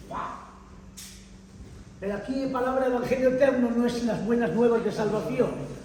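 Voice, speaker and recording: High-voiced man preaching in an echoey hall. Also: far from the mic, slight background noise. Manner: emphatic, dramatic retelling, calls on the congregation, bursts into shouts. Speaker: visiting preacher. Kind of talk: animated Bible teaching. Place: church hall.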